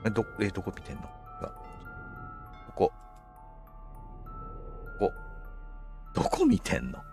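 A man's voice: lowish voice, huge pitch swings, a little slow, creaky, darkish tone, soft background music. A man commentating on a game for a livestream, politely musing aloud to himself in casual chat. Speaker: game streamer.

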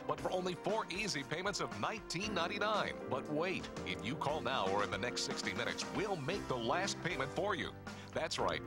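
A man delivering a scripted, urgent sales pitch in the manner of a home shopping host. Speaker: infomercial announcer. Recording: loud music bed under voice. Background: music.

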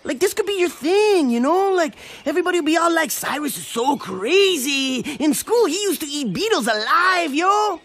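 Brash teen boy, all slang and swagger; high, bright. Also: very animated, moderate pace, few pauses, dry recording, heavily acted. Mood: hyped. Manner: slangy, boastful, rapping.

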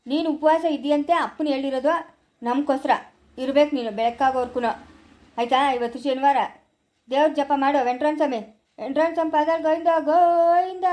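A woman's voice: sits high, steady tone, brisk, dark tone, natural voice. A woman playing an impatient grown daughter who scolds and mocks, with a rural Chikkaballapura Kannada accent. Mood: scolding. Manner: scolding, mocking.

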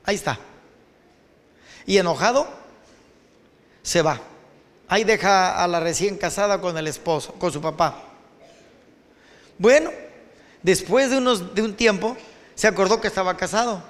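A man with a Mexican Spanish accent, a pastor giving a sermon and talking directly to the students in the audience in an animated way. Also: high-pitched, normal speed, pauses often, in a large hall.

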